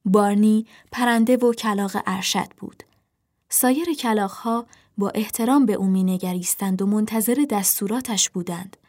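A woman narrating a children's animal story in a soft, measured reading voice. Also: mid-range voice.

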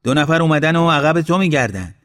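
A man voicing an old village man who calls out loudly from a rooftop in a storybook reading. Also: a little high, expressive, voice pushed up. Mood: calling out. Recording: long hall reverb.

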